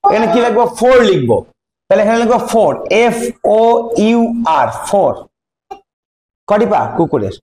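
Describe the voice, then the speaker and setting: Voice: medium pitch, very animated, moderate pace, a little mellow. Patient teacher in an echoey room. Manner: asks questions and answers them, repeats key words; patient, explaining step by step. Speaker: primary school English teacher. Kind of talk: revision lesson for young pupils.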